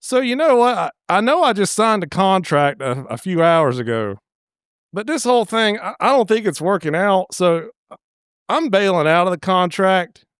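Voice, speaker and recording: A man's voice: expressive, moderate pace, fairly bright tone, clear, resonant tone, no echo, studio quality. A man voicing a nervous, indignant young woman who stammers. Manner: squeaky, stammering, exasperated.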